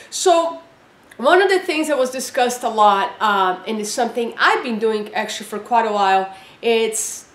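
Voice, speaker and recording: Speaking to camera in an echoey room, a woman life coach with a slightly high voice gives earnest, encouraging advice. She asks her listeners one question after another.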